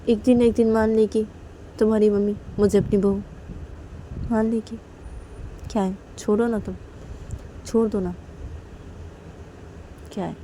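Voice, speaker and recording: Woman doing a soft-toned reassuring young woman, soothing, coaxing, warm and mellow. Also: mid-range voice, a little hiss or hum, close to an everyday voice. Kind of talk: storytelling with acted dialogue.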